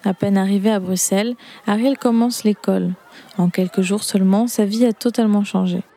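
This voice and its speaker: A woman reading the scripted narration of a documentary in an even, measured way. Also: mid-range voice.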